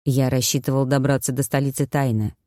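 A woman reading an audiobook, voicing an injured young nobleman, the narrator's brother, in a soft, subdued, tired way. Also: medium pitch, level tone, a little fast, dry recording, clean studio sound, voice pushed down, close to an everyday voice. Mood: weary, subdued.

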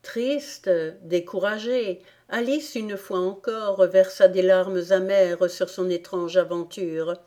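A woman reading a storybook aloud in a measured, expressive narration. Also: lowish voice. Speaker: audiobook reader.

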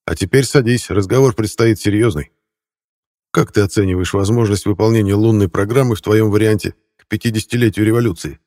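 A commanding older party official gives orders in a brisk, blunt way in an audiobook, as a man puts him on. His voice sits low and firm. The recording is close and dry. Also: a little mellow, no echo, lightly acted. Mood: authoritative.

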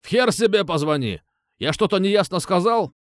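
A man voicing a gruff, irritable police officer who barks curt replies. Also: high-pitched, expressive, moderate pace, dry recording, studio quality, pitched above the performer's own voice. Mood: irritated. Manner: curt, barking.

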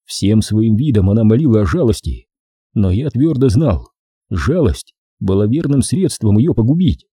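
A man reading a crime novel aloud as the narrator, in an expressive, measured storytelling manner. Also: on the low side, breathy edge, no echo, clean studio sound. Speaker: audiobook narrator. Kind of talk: dramatic audiobook narration.

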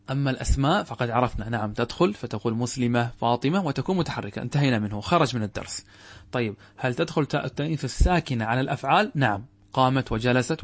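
A man teaching a classical Arabic grammar lesson as a sheikh, asking questions and answering them himself, repeating key words and slowing down to intone quoted verses. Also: medium pitch.

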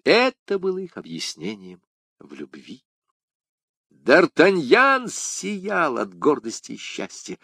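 A man narrating a historical adventure novel as an audiobook, in an expressive, dramatic reading. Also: fairly high pitch, takes it slowly, creaky, no echo, clean studio sound.

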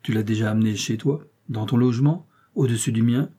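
A sharp, commanding detective, read by a man gives orders in curt, authoritative questions. The voice is husky and dark-toned, and the part is told as an audiobook. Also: medium pitch, fairly quick, close to an everyday voice. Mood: probing. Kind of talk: audiobook character reading.

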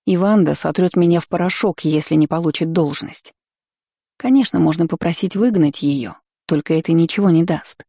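Gravelly, mellow woman narrating a novel. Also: on the low side, normal speed, dry recording, clean studio sound. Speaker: audiobook narrator. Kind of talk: first-person novel narration.

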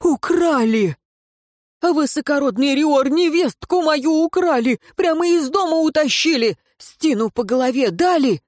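A frantic older peasant father, as a woman reader puts him on, crying out for help in a raised, strained voice that rides high with desperation. Dry, close storybook read. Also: animated, measured pace, no echo. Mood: desperate. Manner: desperate, shouting, tearful pleading. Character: anxious peasant father, older man, loud and pleading.

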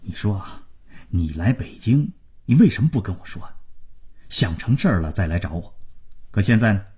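A man voicing a hot-tempered middle-aged father who lectures his son in a husky, hushed, quick scolding voice, for a storytelling broadcast. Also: deep voice, big pitch swings, heavily acted.

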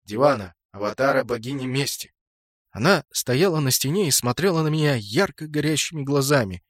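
A male audiobook narrator reads in a steady, measured way at a middle pitch. The recording is dry and close, with no room sound. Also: dry recording. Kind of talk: scripted narration.

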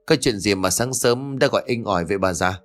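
A man's voice: fairly low pitch, fairly quick, natural voice. A man voicing a rude, spiteful young mistress who complains shrilly, in a spoken ghost story. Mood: rude defiant.

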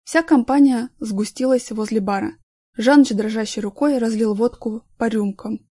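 A woman reads a story aloud with lively storytelling. Her voice sits a little high, and the recording is dry and close. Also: normal speed, slightly rough, no room sound. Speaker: audiobook narrator. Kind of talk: scripted narration.

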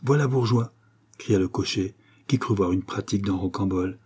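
A man reading a novel aloud as an audiobook narrator, steady and measured. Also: deep voice, breathy edge.

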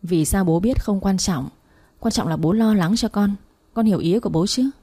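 A woman's voice: mid-range voice, normal speed, dark tone, slightly rough. A woman voicing a stern father who lectures his son about the girl he loves. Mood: stern, lecturing. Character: stern older father, disapproving and controlling.

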